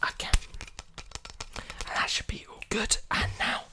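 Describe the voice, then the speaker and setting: Unhurried and breathy, a young adult man whispers soothingly and repeats phrases while roleplaying a robot repair technician for ASMR. He's very close to a large desktop condenser mic in a small indoor room with clothes hanging at his back.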